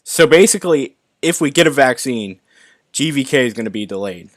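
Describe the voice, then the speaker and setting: A man's voice: medium pitch, lively intonation, fairly quick, a bit bright, no room sound, clean studio sound. Stumbling young man reading movie news. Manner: stumbling, restarting words, reading articles aloud. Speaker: YouTube movie news host. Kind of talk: live-stream news reading and commentary.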